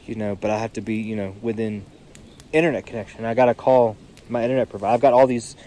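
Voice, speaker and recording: A tired young man musing aloud in a solo vlog, seated outdoors by a creek, filling his pauses with "you know". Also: lowish voice, level tone, mellow. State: tired, yawning. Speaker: podcast vlogger. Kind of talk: reflective solo monologue. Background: faint creek water and birdsong.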